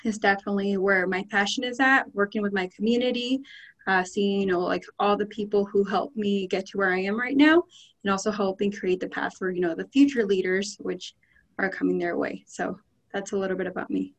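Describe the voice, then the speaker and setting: A woman's voice: medium pitch, steady tone, fairly quick. A woman in her twenties from Michoacan, Mexico, giving an earnest personal introduction.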